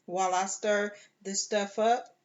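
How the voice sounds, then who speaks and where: A reader voicing a rough, cynical pirate captain who gives gruff, matter-of-fact orders, slow and plainly read. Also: mid-range voice, flat delivery, muffled recording, natural voice.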